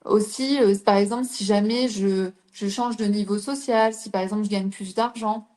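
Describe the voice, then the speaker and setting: A woman leads a casual explanatory talk in a mellow, soft-edged voice. She walks through examples step by step and checks that her listener is following. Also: mid-range voice, fairly even intonation, normal speed. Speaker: host.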